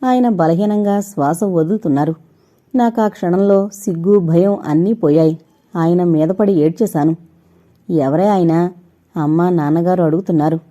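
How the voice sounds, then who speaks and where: A woman's voice: lowish voice, moderate pace, warm tone. A woman narrating a suspense audio novel in the first person, giving the characters' lines small voice shifts.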